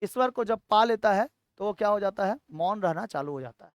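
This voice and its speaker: A man's voice: high voice, expressive, a little fast, no echo, clean studio sound. Male teacher quizzing his class. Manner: asks the class questions and answers them himself, with frequent "theek hai" check-ins. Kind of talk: classroom history lecture.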